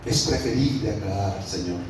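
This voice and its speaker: Preaching in a church hall, a pastor with a Colombian Spanish accent tells his congregation a story in a conversational manner. His voice is on the low side and a little fast. The recording has a roomy echo, a far-off mic, and faint background noise.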